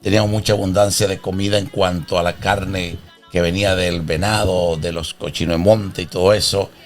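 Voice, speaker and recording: Sixties man, low-pitched and proud, tells his life story slowly over faint music. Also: fairly even intonation. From Venezuela. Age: 60s. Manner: earnest, proud, unhurried storytelling. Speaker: interview guest, father of host. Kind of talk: casual interview.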